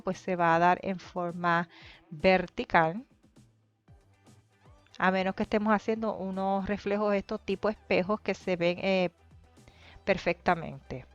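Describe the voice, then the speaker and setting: A woman narrating a painting tutorial in a calm, explanatory way, pausing often with hesitations as she describes each step. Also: mid-range voice, no echo. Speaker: painting teacher. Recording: dry, dull lo-fi voice-over with faint music.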